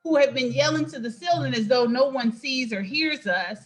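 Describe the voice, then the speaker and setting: A woman hosting an impassioned political talk, emphatic and preachy, with quick asides. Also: high-pitched. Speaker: host and political commentator.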